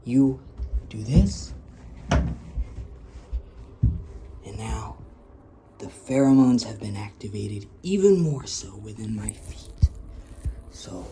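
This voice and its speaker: A man's voice: fairly low pitch, takes it slowly, long pauses. A man in a comic character monologue as an FBI agent, rambling in a mock-serious way. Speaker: comedian playing an FBI agent. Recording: loud water noise behind.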